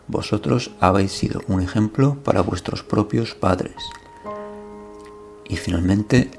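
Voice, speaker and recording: A man teaching a language lesson, reading verb conjugations and example sentences aloud in a slow, methodical way. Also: fairly low pitch, vocal fry, a little mellow.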